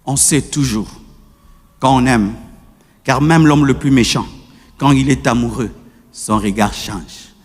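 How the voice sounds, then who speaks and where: A man preaching a sermon as pastor, shifting between gentle teaching and shouted exhortation. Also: medium pitch, unhurried, long pauses, big-room sound. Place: church.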